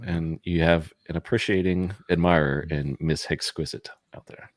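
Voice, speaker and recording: A man hosting a casual live-stream show, running trivia with quick upbeat laughs. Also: sits low, steady tone, no room sound. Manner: upbeat quiz-master, laughs often.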